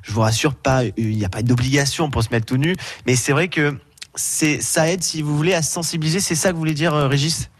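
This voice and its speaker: A man reporting for the radio, asking his guest easygoing questions in a loose, chatty way full of fillers. His voice has a slightly husky grain. The sound is dry and close, with no room around it. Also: a little high, fairly quick, dry recording. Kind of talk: casual radio interview.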